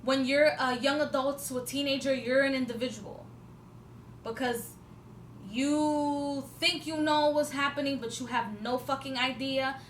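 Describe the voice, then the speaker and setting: A woman in her twenties gives a casual spiritual talk to camera in an echoey room with faint background noise. Her voice sits high, with a steady tone and measured pace, and she rambles at length with many fillers and restarts, swearing now and then for emphasis.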